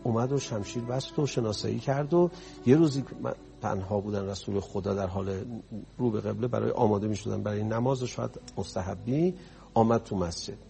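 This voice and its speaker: A man's voice: fairly low pitch, creaky, warm tone, soft background music. A man preaching a sermon, telling stories in a conversational way that rises to impassioned emphasis. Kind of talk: storytelling sermon.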